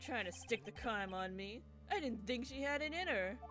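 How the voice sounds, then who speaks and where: A woman's voice: fairly high pitch, animated, normal speed, a bit bright, soft background music. A woman voicing a video game villain, a smug young male superstar with a menacing gym bro drawl. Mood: gloating, cold. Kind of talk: video game character read aloud.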